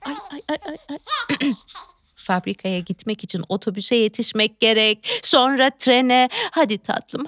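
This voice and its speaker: A woman's voice: a little high, a bit bright, no echo, studio quality. Woman playing a frantic young working mother. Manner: frantic, exclaiming, coos to a baby. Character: flustered young working mother, factory worker. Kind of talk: theatrical monologue.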